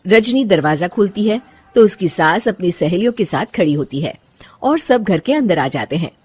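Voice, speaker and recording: A woman's voice: on the low side, lively intonation, moderate pace, darkish tone, husky. A woman narrating a scripted cartoon story.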